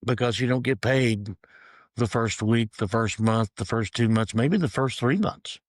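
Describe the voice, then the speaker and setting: A middle-aged man, a real estate agent, telling stories in a relaxed interview with dry humor. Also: medium pitch, unhurried, dry recording. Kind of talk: casual interview storytelling.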